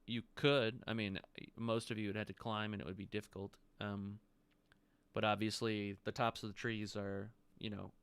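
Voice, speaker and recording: A man's voice: fairly low pitch, fairly bright tone, clear, resonant tone, dry recording. A man narrating a tabletop game as game master, describing scenes loosely with casual fillers.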